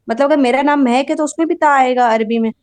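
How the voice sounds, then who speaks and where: A woman's voice: sits high, darkish tone. A woman, a student politely and hesitantly asking her teacher questions in an online class. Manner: polite, hesitant, thinks aloud.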